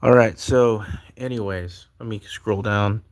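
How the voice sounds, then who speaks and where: A man hosting a casual livestream, talking in an excitable, rambling way with many fillers. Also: fairly low pitch, unhurried. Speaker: livestream host. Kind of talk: casual livestream chat about prophecy.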